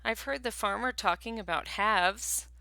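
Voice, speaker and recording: An eager, bossy rabbit chirps out plans in a bright voice, as a woman reads it aloud. The voice is lively and slow-paced. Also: mid-range voice, gravelly, dry recording, pitched above the performer's own voice.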